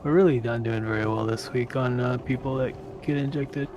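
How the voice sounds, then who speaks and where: A man's voice: mid-range voice, fairly even intonation, fairly quick, background noise. A man in casual game voice chat, wry and joking, sometimes exasperated, on a headset mic. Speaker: raid player.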